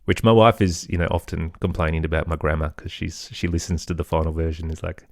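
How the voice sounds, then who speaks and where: Speaking extremely low and fast with vocal fry and a steady tone, a middle-aged man guests on a podcast as an audio storyteller and producer. He comes across hesitant, self-effacing, and rambling in a casual way, and the studio sound is clean with no room sound.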